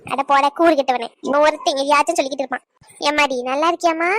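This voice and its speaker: A woman voicing a proud, sharp-tongued old grandmother in a cartoon, scolding with needling questions. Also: sits high, steady tone, quick pace, no echo, natural voice. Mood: teasing. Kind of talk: cartoon voice acting.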